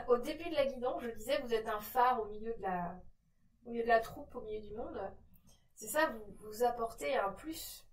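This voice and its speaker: A woman's voice: a little high, normal speed, distant mic. Encouraging woman reading tarot in a roomy echo. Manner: encouraging, speaks directly to the listener. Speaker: cartomancer. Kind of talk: casual tarot card reading to viewers.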